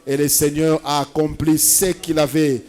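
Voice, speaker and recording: A man's voice: fairly high pitch, little pitch movement, normal speed, darkish tone. A man preaches and prays at a church service, building on repeated phrases. His voice sits a little above the usual male range, and he drops into Lingala now and then. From Congo-Kinshasa. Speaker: pastor. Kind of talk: sermon and prayer.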